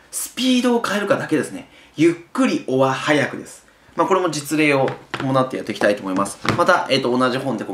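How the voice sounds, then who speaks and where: A man's voice: medium pitch, a little hiss or hum. A man who works as a childcare educator, explaining picture-book reading to parents in a chatty, casual way. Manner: lively, chatty, with casual asides. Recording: echoey, roomy sound.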